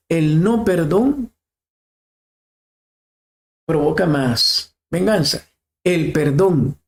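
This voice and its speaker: A man's voice: a little high, gravelly, a little mellow. A man preaching a sermon, asking questions and repeating phrases for emphasis.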